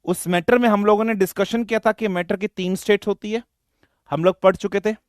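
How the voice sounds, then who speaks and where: A man's voice: sits high, fairly even intonation, a little fast, clean tone, no room sound, studio quality. A young man from western Uttar Pradesh teaching a live online class, joking and teasing his students between explanations.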